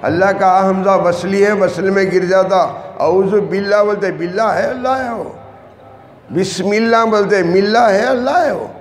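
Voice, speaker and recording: High-voiced man teaching in an echoey hall. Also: normal speed. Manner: instructive, correcting and demonstrating. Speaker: Quran recitation teacher. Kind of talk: recitation lesson with corrections. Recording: echoey hall with faint ambience.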